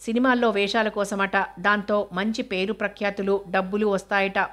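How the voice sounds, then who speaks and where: A woman reading the part of a gentle teenage student who talks softly and worries about her family. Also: mid-range voice, little pitch movement, normal speed, lightly acted. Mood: worried.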